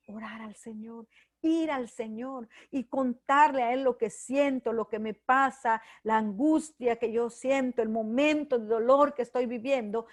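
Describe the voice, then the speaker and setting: A middle-aged woman giving a heartfelt devotional sermon, sharing personal testimony in an earnest way. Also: on the high side. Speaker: preacher.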